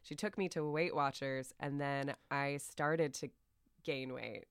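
A woman's voice: very deep voice, steady tone, slow, clean tone, dry recording, clean studio sound. An American woman in her thirties chatting as a podcast guest, rambling and self-deprecating with frequent laughter. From United States. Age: 30s. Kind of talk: casual podcast chat.

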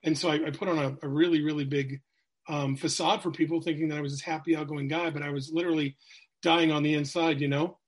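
Speaking fast in a level tone, a middle-aged man with a fairly high voice shares his life story on a podcast. He's a sales coach from New Hampshire, USA, and his account is frank and meandering, packed with fillers.

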